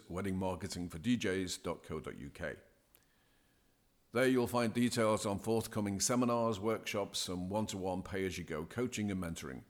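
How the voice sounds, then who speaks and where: A man speaking as a podcast guest, giving deliberate, emphatic advice as a DJ coach. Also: fairly low pitch. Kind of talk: measured, scripted-sounding advice.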